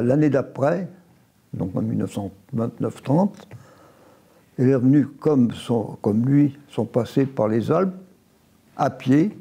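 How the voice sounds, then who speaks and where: This veteran, now in his nineties, has a gravelly, dark voice at medium pitch. Born into an early childhood in Italy, he later grew up near Évian in France. He tells his life story slowly for an oral history interview, frequently starting over and correcting himself.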